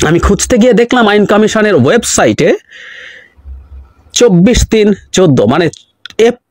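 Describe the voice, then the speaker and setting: A man's voice: high voice, lively intonation, normal speed, no room sound, clean studio sound. A man giving political commentary straight to his viewers in an emphatic, accusatory way.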